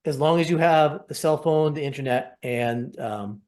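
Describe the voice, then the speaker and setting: Upbeat man pitching on a video call. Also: normal speed, darkish tone. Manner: upbeat, persuasive, rambling. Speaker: program host. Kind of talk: casual sales webinar talk.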